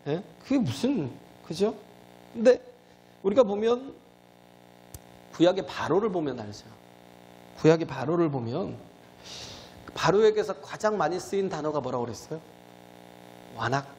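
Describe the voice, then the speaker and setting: A man's voice: big pitch swings, normal speed, pauses often, a little hiss or hum, poor audio. A male pastor preaching to his congregation. He asks rhetorical questions and keeps prompting his listeners. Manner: swings between emphatic high lines and low, quiet drops. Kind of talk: sermon.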